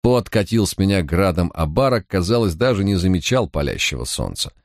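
Deep-voiced man narrating an audiobook. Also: big pitch swings, a little fast, no echo, studio quality. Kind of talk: scripted first-person narration.

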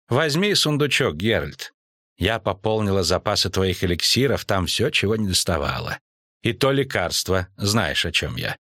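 A man's voice: lowish voice, fairly bright tone, no room sound, clean studio sound, voice pushed up. A man voicing a stout, stern but motherly older priestess in an audiobook, speaking in a firm, commanding way.

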